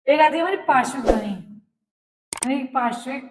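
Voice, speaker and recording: A woman teacher giving a lesson, repeating each phrase slowly for students to write down and answering her own questions. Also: sits high, very noisy. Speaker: Hindi teacher. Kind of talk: classroom lesson, dictating notes. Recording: echoey room.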